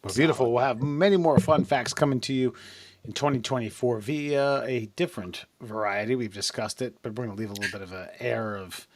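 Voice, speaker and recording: A man's voice: medium pitch, a little fast, no room sound. A man co-hosting a comedy podcast, talking in a wry, rambling way with many restarts. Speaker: podcast co-host. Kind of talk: casual comedic chat.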